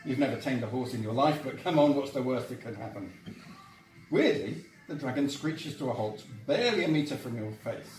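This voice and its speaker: A man's voice: medium pitch, expressive, brisk, a little mellow, recorded from a distance, faint music behind. Man reading a story aloud, roomy sound. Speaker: volunteer reader.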